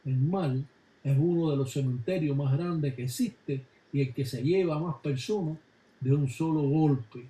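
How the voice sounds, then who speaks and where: A man calmly explaining religious rituals in a measured, instructive way. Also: fairly high pitch. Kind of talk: explanatory narration. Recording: echoey room with background noise.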